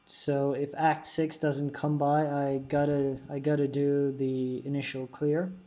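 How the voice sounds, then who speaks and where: In a darkish, slightly high voice with completely flat delivery and a measured pace, a man provides live-stream commentary on a mobile game. He answers chat while playing, leans on fillers, and gives casual tips between fights, all captured in a dull lo-fi recording.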